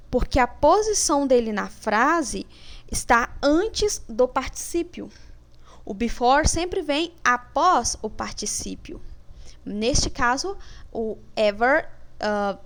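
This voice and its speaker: A woman teaching English grammar, explaining exercises slowly and reading the example sentences with care. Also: high-pitched. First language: Portuguese. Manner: slow, careful, reads examples deliberately.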